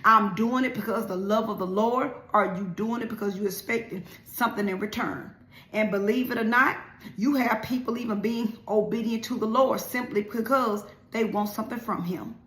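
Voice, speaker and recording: Woman minister, earnest sermon, repeated questions; higher register, echoey room. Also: normal speed, a bit bright. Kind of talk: devotional sermon.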